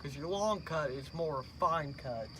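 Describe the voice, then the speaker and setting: A man in his early twenties talks with chewing tobacco in his lip, in a slightly high male voice. He is blunt, emphatic and sweary, like a casual amateur reviewer. The recording has clear background noise with chirping insects. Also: unhurried. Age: early 20s. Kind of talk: casual chat, profane.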